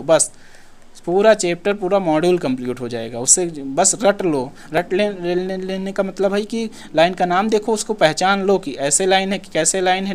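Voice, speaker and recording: A man teaching an exam-prep lesson in a casual way, asking questions and answering them himself. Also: high voice. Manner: casual, repeats himself, asks and answers his own questions.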